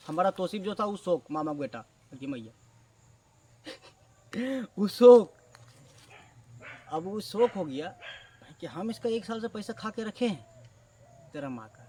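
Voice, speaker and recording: A man telling a comic story in a casual, animated way, swinging between loud and hushed. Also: sits high. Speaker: storyteller, channel host. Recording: distant mic with faint background noise.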